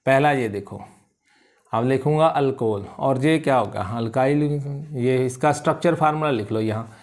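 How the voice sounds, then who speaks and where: A male chemistry teacher giving a classroom lecture. He keeps asking whether students follow and repeats key terms slowly so they can write them down. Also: mid-range voice. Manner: checks understanding with repeated questions; calls students "beta" warmly.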